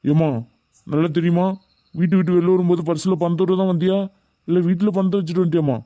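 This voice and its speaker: A strict middle-aged college lecturer in a cartoon, voiced by a man, who scolds and presses for answers. His voice is dark and quick, and the recording is dry. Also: high voice, flat delivery, no room sound, highs cut off, lightly acted. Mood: stern. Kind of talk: animated cartoon dubbing.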